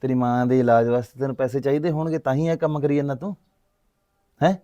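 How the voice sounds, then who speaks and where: A man playing a calm, persuasive captive. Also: medium pitch, quick pace, close to an everyday voice. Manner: coaxing, reasoning, frequent hums of agreement. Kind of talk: short film drama acting.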